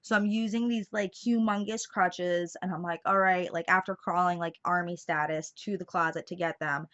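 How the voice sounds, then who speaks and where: A young woman vlogger casually telling a personal story in a chatty, animated way, full of fillers. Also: lowish voice, moderate pace. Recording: dull lo-fi sound.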